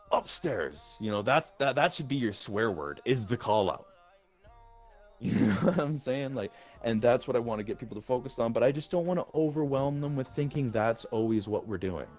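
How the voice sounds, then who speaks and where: A man leading a gaming group in casual voice-chat talk, rambling and swearing, restarting his words often. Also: fairly low pitch. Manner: rambling and profane, with many restarts. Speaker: gaming community leader.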